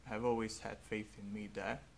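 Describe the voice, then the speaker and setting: A young male vlogger, a native Hungarian speaker, delivers a reflective personal monologue slowly, thoughtfully, and earnestly. His voice is fairly low and level in tone, with vocal fry, over faint background noise.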